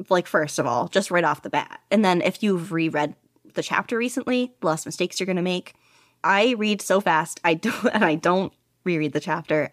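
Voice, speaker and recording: In a dry, studio-quality recording, a woman with a lowish voice chats as an interview guest. A podfic narrator, she rambles animatedly and downplays herself, never slow to laugh at her own expense.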